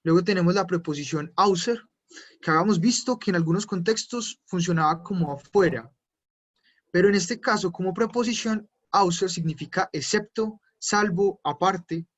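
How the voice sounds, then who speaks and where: Dull, lo-fi online class audio captures a man with a high voice teaching German at a moderate pace. He explains patiently, step by step, and leans on frequent fillers.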